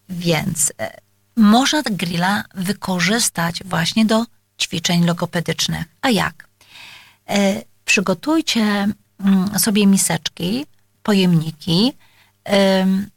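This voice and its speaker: A woman's voice: medium pitch, gravelly, no echo. A woman speech therapist explaining exercises to parents, talking with many hesitations and filler sounds and addressing her listeners politely.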